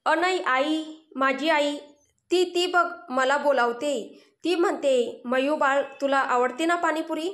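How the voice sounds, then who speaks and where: A woman's voice: high voice, slow, a bit bright. A woman voicing Mayuri, tearful young woman. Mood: tearful pleading. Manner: tearful, pleading, stammering repeats. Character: grieving young woman, fragile and clingy. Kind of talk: Marathi audio story dialogue.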